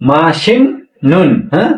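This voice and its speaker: A man's voice: sits high, big pitch swings, a little slow. A man teaching a language lesson, explaining pronunciation rules step by step, often asking a question and then answering it himself. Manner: repetitive, asks questions and answers them himself. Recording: echoey room, mic far off.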